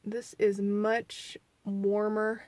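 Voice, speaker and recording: This clip is a casual makeup review from a woman in her forties, a beauty vlogger testing a foundation. She's chatty, rambling and self-deprecating, slightly sniffly from allergies, and drops to a quiet mumble as she puts the product on. Her mid-range voice is flat and drawn out, and the sound is echo-free.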